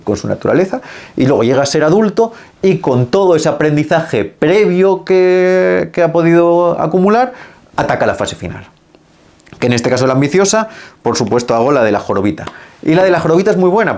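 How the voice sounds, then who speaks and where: A man's voice: on the high side, darkish tone. A man teaching a magic lesson, thinking aloud and acting out his own questions as he explains. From Spain.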